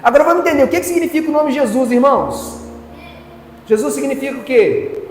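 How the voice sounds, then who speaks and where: Lively high-voiced Brazilian pastor preaching. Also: male voice, a little fast, a little hiss or hum. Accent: Brazilian Portuguese. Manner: emphatic, repetitive preaching cadence. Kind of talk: sermon. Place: church hall. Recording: echoey church hall, soft music.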